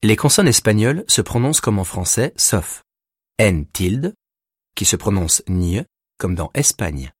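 A man narrating a recorded language lesson, explaining grammar rules with slow, deliberate pauses between words. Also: fairly low pitch, big pitch swings, husky, no room sound, clean studio sound. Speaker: language teacher.

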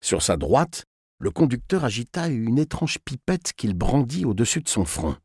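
A man narrating a dark story with expressive, tense delivery. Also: mid-range voice, moderate pace, husky, dry recording, clean studio sound. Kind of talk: dramatic audiobook narration.

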